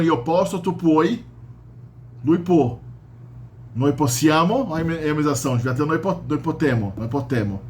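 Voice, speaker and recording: A man's voice: on the high side, slight background noise. A man with a Brazilian Portuguese accent giving a casual spoken grammar lesson, explaining step by step with frequent "né?" and "tá?" tags. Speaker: language teacher.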